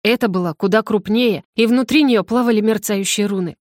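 A woman narrating a first-person audiobook in an even storytelling manner. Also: medium pitch, fairly quick, no room sound, clean studio sound.

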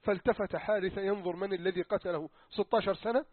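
A man preaching a sermon in dramatic storytelling style, emphatic and swinging between loud urgency and hushed tones. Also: sits high, fairly even intonation, fast talker, no echo. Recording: tinny phone-like dry recording.

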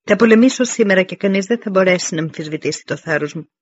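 A man's voice: high voice, breathy edge, no echo, dull audio. A man reading the part of a young male deserter who pleads for mercy, in an audiobook. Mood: pleading.

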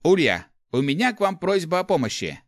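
A man's voice: on the high side, very animated, a little fast, no room sound, clean studio sound, pitched above the performer's own voice. A man voicing a brash, chatty young male thief in a storybook reading. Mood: persuasive. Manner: bold, chatty, playful.

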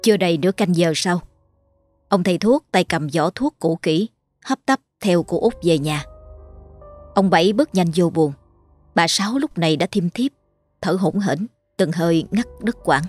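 A woman narrating a horror story in a measured, ominous storytelling voice. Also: on the low side, a little mellow, husky.

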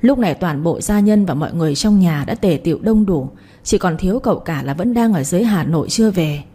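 A woman narrating a novel in a steady storytelling voice. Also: lowish voice, fast talker, slightly rough.

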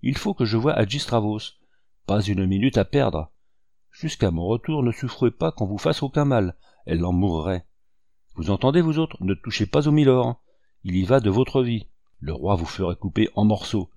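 A man's voice: fairly low pitch, animated, normal speed, a little mellow, no room sound. Man reads a young male servant: urgent, imperious, dry close recording. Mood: urgent, commanding.

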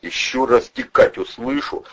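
Audiobook: narrator as tough young crook, rough slang, husky, lively pitch. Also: male voice, unhurried, muffled recording, full character voice. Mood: threatening rough. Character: tough young male ex-boxer thug, blunt.

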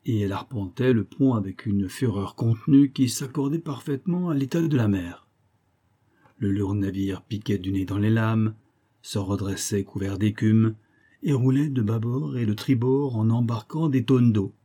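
Man, audiobook narration, husky, low, mellow dark tone, measured. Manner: measured literary storytelling.

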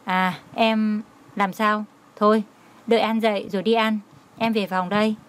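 A man's voice: high-pitched, little pitch movement, normal speed, a bit bright, smooth. A woman voicing a playful young male coworker who teases and whines. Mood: sheepish.

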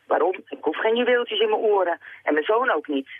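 A woman's voice: mid-range voice, lively intonation, fairly quick, dry recording, voice pushed up, natural voice. A woman doing a brusque dad on a phone line. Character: curt, sensible father.

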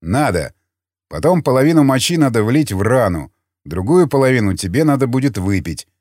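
A man voicing a calm, commanding seasoned scavenger who speaks tersely and bluntly. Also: medium pitch, moderate pace, dry recording, clean studio sound. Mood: stern. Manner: terse, blunt, matter-of-fact.

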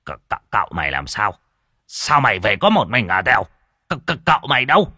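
A man voicing a panicked old landowner who stammers and rushes his words. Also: lowish voice, huge pitch swings, sharp tone, dry recording, studio quality, exaggerated voice.

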